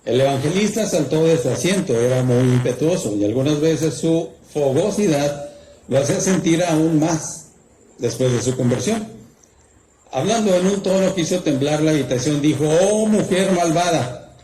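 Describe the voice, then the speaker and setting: A man's voice: on the high side, lively intonation, normal speed, warm tone. A man preaching a campfire sermon, telling a story and asking rhetorical questions. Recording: roomy echo, faint background noise.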